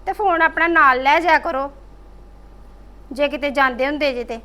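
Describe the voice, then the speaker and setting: A young woman acts as a daughter-in-law who keeps grumbling. Her voice is high and bright, and her complaints come out sharp. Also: moderate pace. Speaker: married daughter-in-law character. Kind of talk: short film acting.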